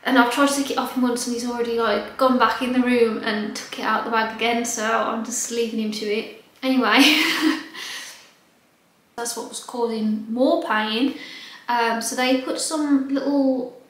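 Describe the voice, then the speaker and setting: A woman's voice: fairly high pitch, fairly even intonation, moderate pace, fairly bright tone. A young adult British woman chatting casually and informally to camera as a vlogger, rambling along in an empty, echoing bedroom. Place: small empty bedroom with bare walls and wood floor, indoors. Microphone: camera mic at about arm's length or more. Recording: very echoey empty room.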